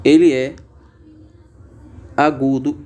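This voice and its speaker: A man's voice: mid-range voice, steady tone, takes it slowly, dark tone. A man teaching a grammar lesson, explaining patiently and drawing out example words, with frequent fillers. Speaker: Portuguese teacher.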